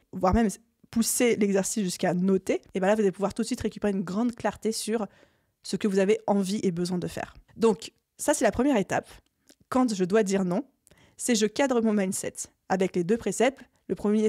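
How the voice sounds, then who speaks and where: A young woman hosting a solo business podcast, explaining her methods in a clear, structured coaching way with lively emphasis. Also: medium pitch, no echo, studio quality. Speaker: podcast host. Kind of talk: solo podcast advice talk.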